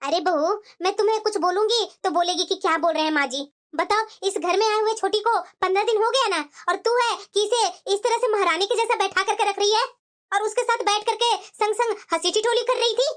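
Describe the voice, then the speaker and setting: Shrill bossy cartoon mom-in-law always nagging and stirring trouble, woman doing the voice. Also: fairly quick, a bit bright. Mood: scolding. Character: scheming meddling mother-in-law, middle-aged woman. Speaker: mother-in-law. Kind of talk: cartoon voice acting.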